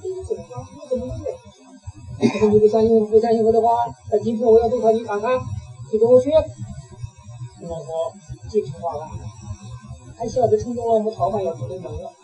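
A man's voice: high-pitched, brisk, long pauses, mellow, soft background music, rough recording. A man giving a Buddhist monk's storytelling sermon, acting out the voices in his tale. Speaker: Buddhist monk.

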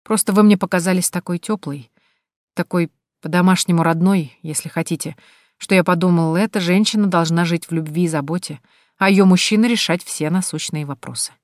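A woman reading the part of an attentive, courteous male businessman who talks calmly and gently flatters. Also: lowish voice, brisk, dry recording, clean studio sound, lightly acted.

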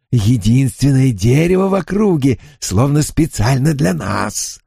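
A man's voice: fairly high pitch, creaky, no echo, clean studio sound, pitched above the performer's own voice, heavily acted. A man voicing a haughty, cruel male fairy spirit who boasts and rages theatrically. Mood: gloating. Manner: theatrical, exulting, shouting in rage.

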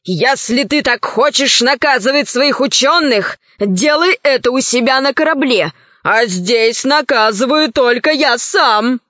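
A woman voicing a sly, bossy male space pirate rat who gives sharp orders, in a storybook reading. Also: high-pitched, a little slow, no echo. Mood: stern. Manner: commanding, clipped orders. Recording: slightly dull, dry recording.

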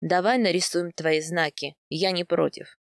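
A woman reads a storybook part as a playful young husband, his voice pulled low and eager. He teases and pleads by turns in a close, dry sound with no room echo. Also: steady tone, measured pace, gravelly. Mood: teasing. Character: playful, teasing young husband, a steppe man.

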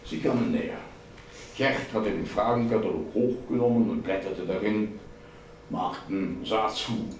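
A man giving a literary reading of a novel at a public event, narrating in a measured, expressive way. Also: fairly low pitch, slight background noise. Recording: echoey hall, voice far from mic.

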